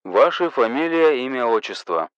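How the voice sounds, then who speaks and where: A man's voice: mid-range voice, very animated, moderate pace, fairly bright tone, clean tone, dry recording, muffled recording. A man voicing a young police duty sergeant answering calls, patient but curt and formal.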